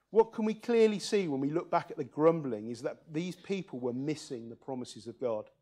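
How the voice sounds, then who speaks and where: A man's voice: fairly high pitch, a little mellow. A man preaching a church sermon, reading scripture aloud and putting earnest questions to the congregation.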